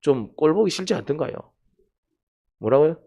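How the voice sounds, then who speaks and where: A man's voice: a little high, animated, normal speed, warm tone. Man preaching. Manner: conversational preaching, questions the congregation, acts out quoted lines. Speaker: pastor. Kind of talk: sermon at a Wednesday prayer meeting.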